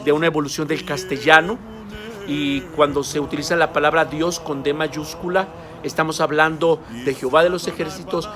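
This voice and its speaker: Male preacher, emphatic and direct, slightly high voice, music bed under him. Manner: earnest, emphatic, addresses the listener directly. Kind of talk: sermon-style teaching.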